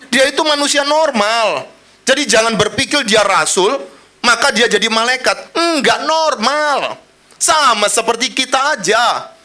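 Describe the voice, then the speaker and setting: Male pastor, high bright voice, playful and dramatic delivery. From Indonesia. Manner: joking, dramatic sermon with sudden shifts in pace and loudness. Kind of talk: sermon.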